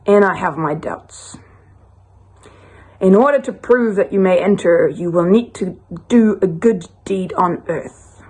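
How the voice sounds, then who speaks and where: A woman voicing a stern, formal old male saint guarding heaven's gates, in a measured lecturing way. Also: lowish voice, a little mellow.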